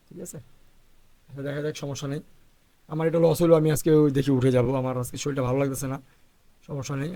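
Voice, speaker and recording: A hoarse man who is feeling unwell, talking through live trades as an instructor and checking "okay?" after each point. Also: on the high side, mellow. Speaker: trading instructor. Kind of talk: live trading walkthrough.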